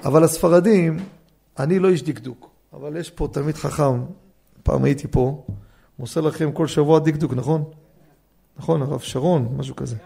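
In a study hall class, an animated rabbi lectures on Torah law. His male voice is high and gravelly, and he keeps shooting rhetorical questions at the audience.

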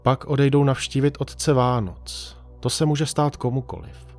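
A man's voice: mid-range voice, lively intonation, faint music behind, natural voice. A man reading the part of a guilty, ashamed young father who speaks hesitantly and cautiously.

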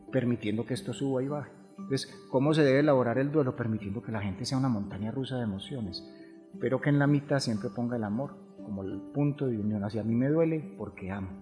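Man, mid-pitched, calm explainer on grief; long hall reverb, faint music under. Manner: calm, explanatory, rhetorical questions. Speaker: grief therapist guest. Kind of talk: reflective podcast conversation.

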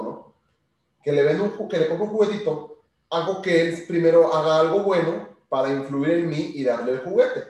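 A young man giving a lively motivational sales lesson, talking straight to the listener. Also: fairly high pitch. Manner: animated, speaks directly to listener. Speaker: sales trainer. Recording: very echoey room, distant from mic.

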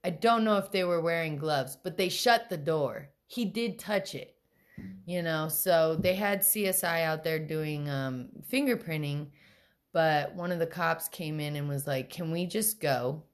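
A young adult woman, a podcast co-host, telling a personal story in casual chat, animated and full of quoted voices. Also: low-pitched, a little slow.

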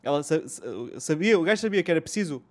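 Quick-paced and on the high side, this man's voice carries a European Portuguese accent as he hosts an informal talk on retro gaming. He uses slang, swears freely, and slips into English now and then.

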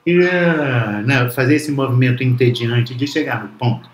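A man's voice: mid-range voice, moderate pace, reverberant, a little hiss or hum. A man, reflective and storytelling, talking as a guest in a casual conversation. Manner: reflective, storytelling, frequent restarts.

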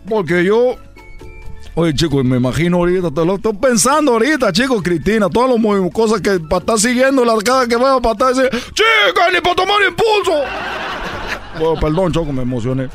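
A boastful, excitable baseball player, put on by a man for a comic radio sketch. The voice sits high and squeals as he rambles on, cracking himself up. A faint music bed runs under his talk. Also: quick pace. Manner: rambling, shouting catchphrases, laughing at own jokes. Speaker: recurring comedy character on a radio show.

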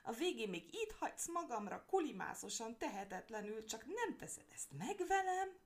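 A woman voicing a wily male hare who wails and pleads with loud, shrill cries. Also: sing-song. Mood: wailing. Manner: shrill, wailing pleas.

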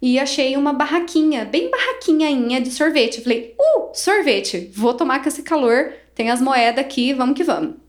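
A woman's voice: sits high, a little fast, hardly any pauses. A young Brazilian woman with a Brazilian Portuguese accent, telling a travel story casually, acting out dialogue and laughing often.

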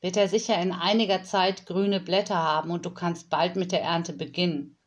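A woman voicing a calm, whimsical nanny in a storybook reading, gentle and patient. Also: lowish voice, moderate pace, lightly acted.

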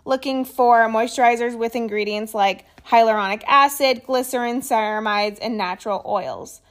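A woman reading a skincare explainer in a steady way, with small stumbles and casual asides. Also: fairly high pitch, moderate pace. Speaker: skincare educator.

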